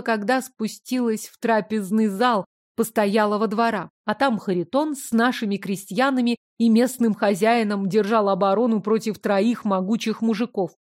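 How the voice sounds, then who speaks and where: A woman narrating an audiobook in the first person, with lively, expressive storytelling. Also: on the high side.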